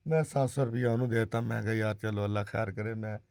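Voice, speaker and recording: A man's voice: lowish voice, steady tone, fast, gravelly, a little mellow, dry recording, clean studio sound. A father explaining his child's treatment, rambling and quoting what others told him. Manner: rambling, recounts dialogue, brief assenting replies. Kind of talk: casual chat.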